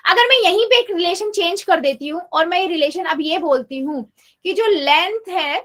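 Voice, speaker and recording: A woman with a very high voice teaches math in a live online class. She coaxes her students patiently and asks each question again and again, slipping English math terms into her sentences. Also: lively intonation, moderate pace, fairly bright tone.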